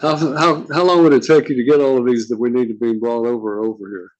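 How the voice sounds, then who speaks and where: A man speaking as a judge in formal court proceedings, measured and procedural, with occasional hesitation. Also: mid-range voice, fairly even intonation, rough recording. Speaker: judge presiding over a court docket. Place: indoor courtroom.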